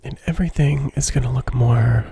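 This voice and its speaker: An adult ASMR creator whispering softly and affectionately to viewers, repeating words over and over. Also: medium pitch, normal speed, creaky, noisy background. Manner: soft and affectionate. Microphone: close microphone.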